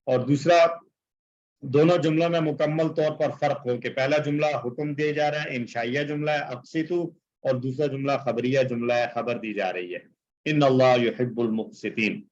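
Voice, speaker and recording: A man's voice: mid-range voice, darkish tone, muffled recording, a little hiss or hum. A male teacher giving an explanatory lecture, reciting Arabic verses and translating them, with many filler phrases.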